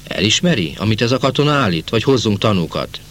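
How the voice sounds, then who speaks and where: A man's voice: on the low side, big pitch swings, a bit bright. A man reading as a stern tribunal judge. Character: cold male revolutionary tribunal judge.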